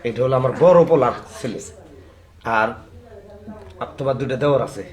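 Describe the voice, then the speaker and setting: A man's voice: medium pitch, normal speed, natural voice. A man playing a bossy old grandfather groom. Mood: teasing. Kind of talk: comic audio drama acting.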